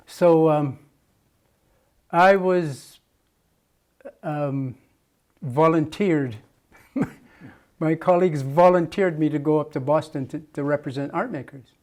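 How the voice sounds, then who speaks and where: Speaking slowly with frequent pauses, this older man has a fairly high, slightly mellow voice. He's a muralist from Jamaica giving an oral history interview, reminiscing at length with many fillers and false starts.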